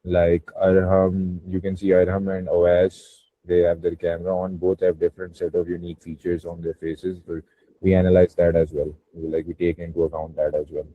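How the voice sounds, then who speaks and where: Low-voiced Pakistani man on a tinny call. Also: monotone, fairly quick. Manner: hedging, peppers talk with "you know". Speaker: startup founder presenting and answering questions. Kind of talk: informal online Q&A, conversational. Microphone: online voice call. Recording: muffled phone-like call audio, roomy echo.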